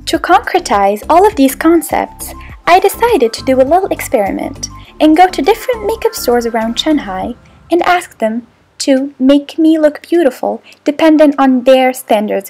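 High-voiced young woman narrating a video. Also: darkish tone. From Morocco. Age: young adult. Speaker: student presenter.

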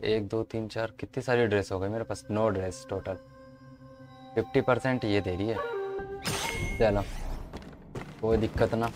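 Low-voiced man commentating a game. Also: fairly even intonation, normal speed, long pauses. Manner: chatty, talks to the viewers and to enemies. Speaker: gaming commentator. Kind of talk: casual gameplay commentary. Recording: game music underneath. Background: game music.

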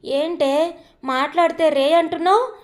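A woman's voice: extremely high pitch, unhurried, pitched above the performer's own voice. A woman doing a curt, irritated young man. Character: proud young man, quick to anger.

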